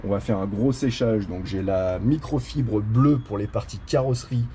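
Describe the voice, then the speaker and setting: Mellow-voiced man explaining step by step. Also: lowish voice, moderate pace, a little hiss or hum. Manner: relaxed step-by-step explaining, frequent hesitations. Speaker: channel host. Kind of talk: casual how-to tutorial.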